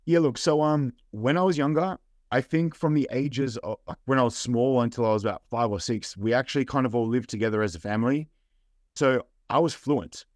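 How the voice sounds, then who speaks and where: Talking fairly quickly in a mid-range voice, a young adult man with an Australian accent guests on a casual interview, rambling easily with many fillers. The recording is dry and studio quality.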